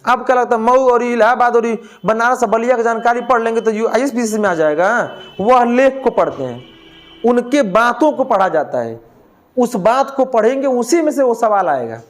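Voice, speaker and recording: A man's voice: very high voice, lively intonation, moderate pace. A male teacher, lecturing a class, asking questions and answering them himself, with a joke now and then.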